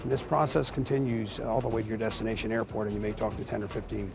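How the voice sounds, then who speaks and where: This air traffic expert speaks quickly in a fairly low, creaky voice with little variation, while music plays behind him. His interview answers are explanatory, couched in formal technical terms.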